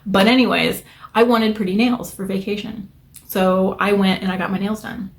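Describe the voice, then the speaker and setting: A woman's voice: mid-range voice, fairly even intonation, moderate pace. A young adult woman vlogging from home in front of her polish wall, telling a long story in a rambling, chatty way, full of fillers and restarts, a little self-conscious. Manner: self-conscious, nervous hand habit. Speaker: nail art vlogger. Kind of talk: casual storytelling vlog.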